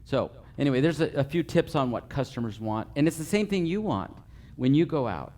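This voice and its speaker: A man's voice: mid-range voice, expressive, a little fast, darkish tone. Man coaching a group through a list. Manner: runs through a numbered list, checking in with frequent okays. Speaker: customer service trainer. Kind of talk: live training talk to a group. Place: meeting room with a live audience.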